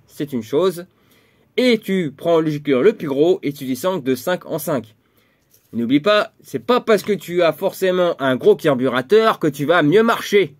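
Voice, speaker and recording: A man talks straight to the viewer in a loose, slangy way, rambling a little as he goes. His voice sits a bit high for a man. The tone is that of a casual how-to video. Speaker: video host. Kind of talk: casual how-to chat to camera.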